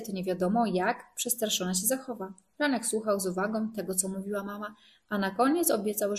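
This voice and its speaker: Reading a children's tale as narrator, a woman uses a soft, expressive voice pitched in the middle range. Her delivery stays clear and unhurried.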